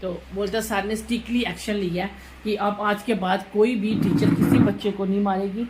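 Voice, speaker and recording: Animated woman vlogging from an echoey kitchen. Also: mid-range voice, fairly quick, a little hiss or hum. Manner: animated, retells her own words with rising emphasis. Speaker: vlogger, mother. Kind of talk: casual vlog storytelling. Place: home kitchen while cooking.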